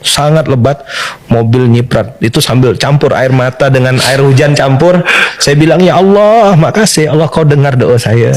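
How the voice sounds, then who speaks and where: A man's voice: medium pitch, moderate pace, a crowd in the background. A middle-aged man, a preacher as guest, earnestly retelling a hard time and voicing the people in it. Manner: earnest, tearful retelling with voiced quotes. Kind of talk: emotional personal storytelling. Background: loud music bed.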